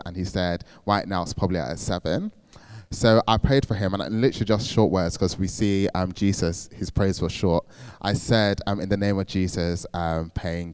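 A man's voice: low voice, clear, resonant tone, no room sound. A young man giving a talk on evangelism, telling a testimony story in a chatty way with many fillers. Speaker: speaker.

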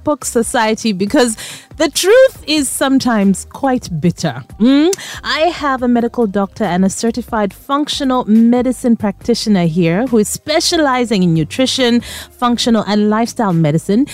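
A woman's voice: a little high, a little mellow. A woman hosting a radio show. She chats casually and playfully with her guest in a studio and laughs easily.

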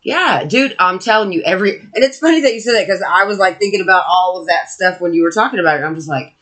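A woman's voice: lowish voice, animated, quick pace, fairly bright tone. A woman co-hosting a casual spiritual podcast chat, giggly and casually profane. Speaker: podcast co-host.

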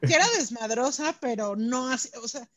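A woman's voice: on the high side, moderate pace, dry recording. A woman with a Mexican Spanish accent, telling stories in casual slangy chat. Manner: animated storytelling with slang.

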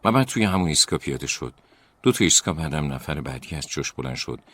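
Very deep-voiced man reading scary stories. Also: expressive, slightly rough, dry recording. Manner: slow, dramatic, hushed storytelling. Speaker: storyteller. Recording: crickets chirping in the background.

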